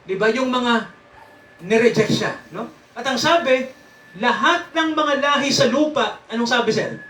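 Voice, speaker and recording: High, bright-voiced Filipino-language preacher. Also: male voice, measured pace, a little hiss or hum. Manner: asks the congregation questions, frequent "no?" and "sir"; chuckles often while teaching. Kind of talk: interactive Bible teaching. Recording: echoey room, mic at a distance.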